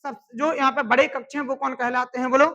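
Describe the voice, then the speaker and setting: A woman with a lofty, sharp-edged voice leads a classroom lesson. She prompts the students again and again to answer aloud. When a key answer comes, she stretches it out and says it louder. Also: high voice, little pitch movement, lo-fi sound. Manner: drills students with call-and-response questions; repeats answers slowly and loudly for emphasis. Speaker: teacher.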